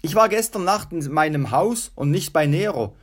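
A man's voice: a little high, expressive, moderate pace, voice pushed up. A man voicing an outspoken middle-aged Roman guard tribune, speaking with raised emphasis.

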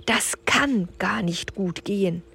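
A woman's voice: fairly low pitch, huge pitch swings, unhurried, a little mellow, slightly rough, heavily acted. A woman voicing a cautious, anxious boy in a storybook reading, often murmuring and whispering his doubts. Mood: whispered worry.

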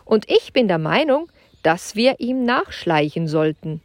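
A woman's voice: medium pitch, very animated, unhurried, no room sound. A woman voicing a bold, curious boy who leads his friends in a storybook reading, speaking eagerly and decisively. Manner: eager and decisive, hissing when whispering.

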